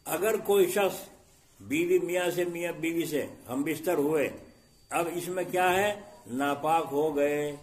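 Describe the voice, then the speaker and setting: Man preaching with rhetorical questions. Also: on the high side. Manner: rhetorical questions to the congregation, acts out scenes with sharp shifts in loudness. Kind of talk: Islamic sermon.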